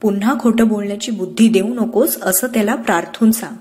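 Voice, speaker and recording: A woman voicing a stern but loving village mother, speaking firmly and gently. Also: medium pitch, brisk, close to an everyday voice. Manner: firm, scolding yet gentle.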